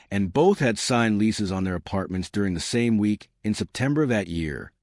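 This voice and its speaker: Man narrating a story, low pitch, lively intonation, dry close sound. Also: dry recording. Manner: measured storytelling. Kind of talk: scripted narration.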